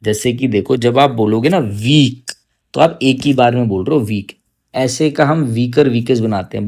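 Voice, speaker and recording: A man teaching an exam-prep grammar lesson in a gravelly, mellow voice. He coaxes and teases his students as he explains. He stretches out each English example slowly so they can follow. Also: medium pitch.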